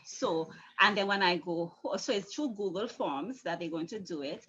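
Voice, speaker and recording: A woman's voice: lowish voice, animated, normal speed, a bit bright, highs cut off. A woman, a schoolteacher explaining things conversationally in an interview, emphatic and often repeating phrases. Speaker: secondary school teacher being interviewed.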